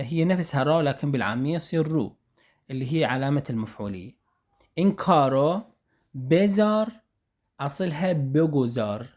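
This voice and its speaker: Male language teacher, Iraqi Arabic accent, patient, repeats examples slowly. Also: medium pitch, a little mellow. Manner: slow careful repetition of example phrases. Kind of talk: explaining Persian phrases in Arabic.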